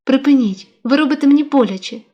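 A woman's voice: high voice, fast, mellow, muffled recording, pitched above the performer's own voice, natural voice. A woman reading a novel aloud, voicing a flustered young widow who protests and exclaims. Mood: agitated. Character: flustered young widow, resisting yet drawn in.

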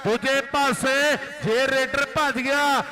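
At a village kabaddi ground, a man with an Indian Punjab accent gives live commentary in a very high-pitched, steady voice, taking his time. The rural commentary is still frantic, full of exhortations and repeated phrases.

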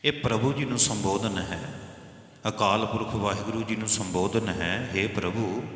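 A man with a low but bright, forceful voice teaches scripture, chanting each line slowly before breaking it down for his listeners. His words carry a long echo, as in a large hall. He sounds patient and instructive throughout. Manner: slow, drawn-out recitation of verses between explanations; patient, instructive, addresses listeners as brothers and sisters.

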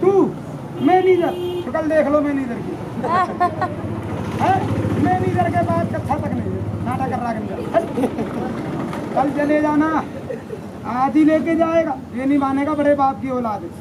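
A man from India working as a street monkey showman, bantering loudly with a crowd and teasing and scolding as he jokes. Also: extremely high pitch, measured pace, long pauses. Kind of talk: street performance patter to a crowd. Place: outdoor street show. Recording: noisy outdoor street recording with traffic. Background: crowd ambience and passing vehicles.

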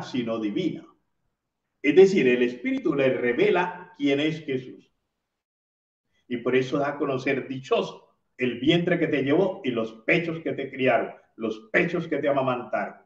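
A man, a priest, reading the day's gospel and preaching a homily in a slow, measured way. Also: medium pitch. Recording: roomy, distant, dull lo-fi sound.

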